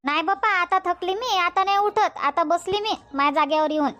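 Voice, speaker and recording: Woman as very high cartoon village aunt, Varhadi, chatty. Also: a little fast, bright, forceful tone. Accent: Varhadi Marathi. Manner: soothing, gossipy, repeats "हा". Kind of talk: cartoon comedy voice acting.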